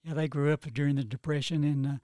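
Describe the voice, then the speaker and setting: An older man from Texas recalls the old days in a rambling, folksy storytelling manner. His voice sits slightly high for a man. The sound is close and dry. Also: little pitch movement, quick pace, mellow, dry recording. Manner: folksy storyteller, many "you know"s and restarts. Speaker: guest, local historian. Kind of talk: casual chat, reminiscing.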